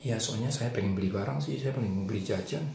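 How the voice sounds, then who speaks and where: A man's voice: fairly low pitch, fast talker, creaky, a little mellow. A man voicing a sad, worried young boy who hesitantly confesses a wrongdoing. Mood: confessing. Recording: roomy echo, faint noise.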